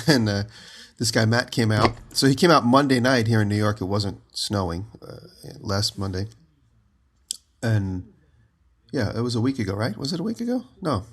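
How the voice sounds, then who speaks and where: Just woken up early, a podcast co-host speaks in a lowish voice that's groggy and a little deeper than usual. Calling in remotely from home, he rambles loosely through a story at a moderate pace in a relaxed, chatty way.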